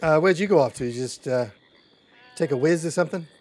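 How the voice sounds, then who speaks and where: A man's voice: fairly high pitch, fairly quick, a little mellow. A man roleplaying a polite telegram agent, talking in a rambling, hesitant way with many fillers and restarts. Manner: polite, addresses others as sir. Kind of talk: in-character roleplay chat.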